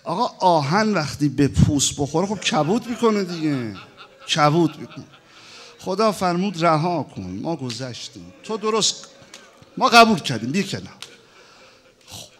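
A male preacher reciting a mourning sermon, lamenting and sighing, moving between hushed grief and loud wailing. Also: a little high, very animated, pauses often, husky.

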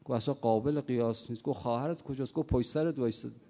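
A man preaching a sermon, telling stories with acted-out dialogue and rising into loud, impassioned passages. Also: mid-range voice. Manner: swings from quiet storytelling to loud impassioned preaching. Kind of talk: sermon with storytelling. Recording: long hall reverb.

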